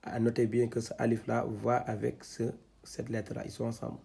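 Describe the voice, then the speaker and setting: A man teaching Quran reading, spelling out syllables one by one, halting and repeating himself with many fillers. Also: mid-range voice, monotone, vocal fry, dark tone, breathy edge. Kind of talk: step-by-step lesson, spelling out syllables.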